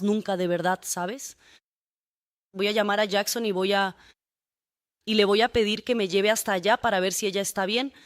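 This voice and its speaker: A woman's voice: mid-range voice, dry recording, clean studio sound. A woman testifying as a defendant in court, giving a long, detailed account and often adding tag questions.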